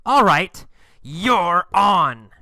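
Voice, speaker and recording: A man's voice: high-pitched, lively intonation, extremely slow, gravelly, sharp tone, no echo, studio quality, voice pushed up, full character voice. A man voicing a cocky young motorcycle racer who taunts his rival in a boastful way. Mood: taunting.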